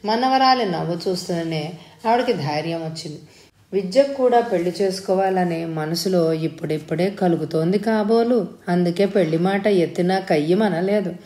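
A woman narrating a story in a steady, even storytelling manner as an audiobook reader. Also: lowish voice, moderate pace. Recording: roomy echo.

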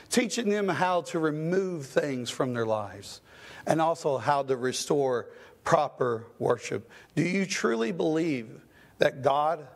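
A man delivers a church sermon in a fairly high, gravelly voice. He preaches with passion, pressing his listeners with question after question and stumbling over quick restarts as he builds his point. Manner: impassioned, with rising questions and stammered restarts. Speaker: pastor. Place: church sanctuary.

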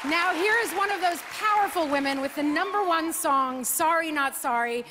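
A high-voiced woman speaks at a moderate pace, hosting an awards show with a comic monologue that pokes fun at herself and breaks into song. It's recorded live on a big arena stage and is very noisy, with a loud audience applauding and cheering.

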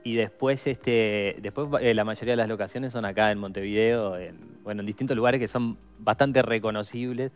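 A man's voice: fairly low pitch, steady tone, moderate pace, hardly any pauses, smooth, faint music behind. A man with a Uruguayan accent, a film writer and director chatting casually as an interview guest, easygoing and full of fillers. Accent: Uruguayan Spanish. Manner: easygoing, uses many fillers like "este".

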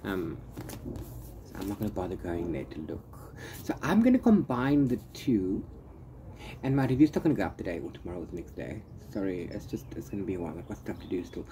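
Brisk and warm, this man's low voice swings widely in pitch as he chats through a book review vlog, wandering off into the same filler phrases. The setting is an outdoor shelter of corrugated iron, open at the sides, with clear background noise and open-air sound.

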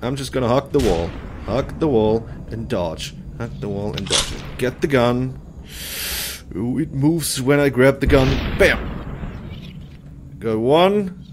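Male gamer, thirties, highly animated delivery with slow pacing, casual exclamations over game sound. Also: noisy background. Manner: exclamatory, reacting in short bursts to play. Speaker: video game player and commentator. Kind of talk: casual let's-play commentary. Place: indoor room, seated at a computer.

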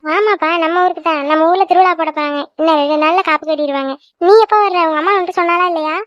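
A woman's voice: very high voice, fairly even intonation, quick pace, fairly bright tone, no echo. A woman voicing a caring middle-aged village aunt in a cartoon, talking in a coaxing, insistent way. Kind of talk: cartoon voice acting. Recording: dull lo-fi dry recording.

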